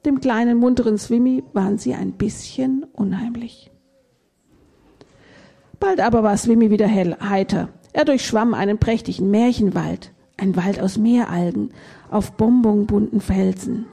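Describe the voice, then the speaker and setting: A woman reads a children's picture book aloud in a gentle storytelling manner. Her voice is dark and mellow, with a husky, gravelly grain, and it sits a little high for a woman. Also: a little slow. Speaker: reader.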